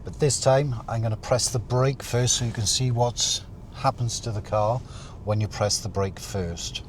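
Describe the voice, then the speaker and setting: A man talking through a driving lesson as an instructor, calmly explaining each step while he drives. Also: mid-range voice, a little slow. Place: inside a moving car. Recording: car interior with faint vehicle noise.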